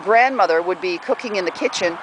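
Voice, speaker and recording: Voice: medium pitch, a little fast. A pet owner casually giving puppy training advice at home, rambling with many fillers and often breaking off to talk to the pets. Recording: noisy home recording.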